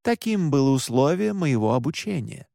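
A man's voice: mid-range voice, big pitch swings, normal speed, gravelly, warm tone, no echo, clean studio sound. A man reading an audiobook and voicing a cold, disciplined, mocking younger brother.

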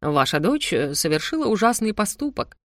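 A woman's voice: mid-range voice, very animated, moderate pace, dry recording, clean studio sound. Woman putting on a smug tattletale cat familiar. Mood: sly. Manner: gleeful gossiping, chewing while talking.

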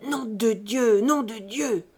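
A woman voicing a furious, greedy grown peasant son who shouts accusations at his aged parents. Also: mid-range voice, lively intonation, measured pace, slightly rough, full character voice. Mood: raging.

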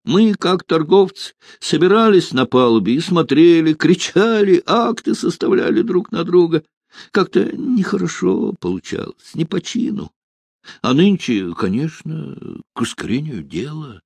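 Man reading an anxious, ingratiating male port official in an audiobook, high and jumpy. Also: expressive, vocal fry, a little mellow, husky, dry recording, heavily acted. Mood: fawning. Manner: fawning, anxious, hurried. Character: fussy middle-aged male port official, nervous, ingratiating.

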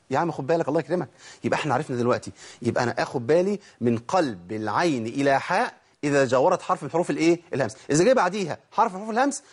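A man with an Egyptian accent teaching Quran recitation in a casual, lively way, gently scolding common mistakes and chanting slow examples. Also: a little high, breathy edge. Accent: Egyptian Arabic. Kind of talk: tajweed lesson.

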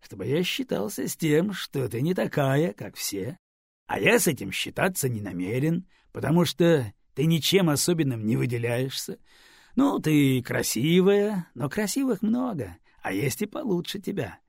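A man's voice: fairly high pitch, very animated, moderate pace, vocal fry, darkish tone, breathy edge, dry recording, studio quality, heavily acted. A man voicing a teasing, easygoing male engineer with a mocking manner.

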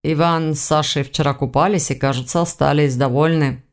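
Lady doing a low slow calm guy detective, audiobook. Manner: slow, lowered, measured delivery.

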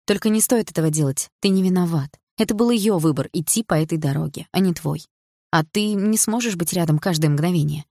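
A woman voicing a proud, sharp-tongued schoolgirl in an audiobook, blunt and indignant. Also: fairly low pitch, a little fast, dry recording, clean studio sound.

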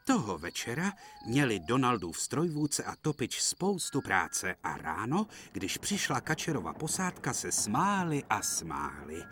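A man narrating a dubbed children's series in a gentle, expressive storytelling manner. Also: medium pitch, few pauses, a little hiss or hum. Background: music.

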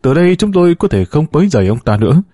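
A man's voice: fairly high pitch, sing-song, mellow, dry recording, studio quality, pitched above the performer's own voice. A man reading as a courteous foreigner. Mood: polite. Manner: formal, measured.

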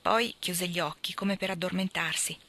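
A woman reading a novel aloud in a measured, quiet narration, recorded on a close mic. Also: fairly low pitch, steady tone. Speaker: audiobook reader.

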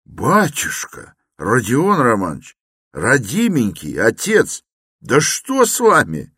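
A man's voice: deep voice, animated, slow pace, fairly bright tone, husky, no room sound, studio quality, full character voice. A man voicing a fussy, fawning middle-aged police investigator who clucks and keeps adding polite little endings to his words. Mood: alarmed.

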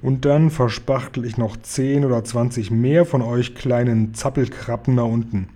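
A man voicing a huge, blustering, cowardly man-eating giant who mangles his words, read from a storybook in a husky, dark voice. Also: steady tone, moderate pace, lightly acted. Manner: booming, mangles words, wails in panic. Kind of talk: storybook reading aloud.

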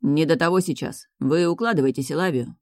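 A woman voicing a caring, serious male mage guardian who talks in a calm, firm, protective way. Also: deep voice, brisk, dry recording, studio quality.

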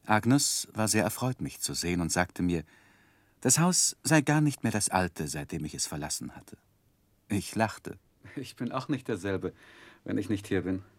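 In a 1960s German radio play, an actor voices a grown gentleman looking back on his youth, narrating in a measured, expressive literary style. The low-pitched delivery is heavily acted and without echo, moving from measured storytelling into fondness.

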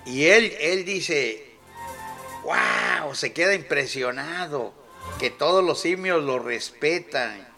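A man's voice: a little high, expressive, slow, creaky, bright, forceful tone, faint music behind. A man with a Mexican accent hosting a radio show, retelling a film in casual, profane, rambling talk and laughing often. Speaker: radio host.

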